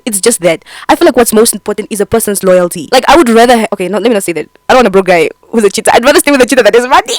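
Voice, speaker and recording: A woman giving animated, joking reaction commentary in slangy chat. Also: mid-range voice, dry recording, rough recording. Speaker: commentary creator.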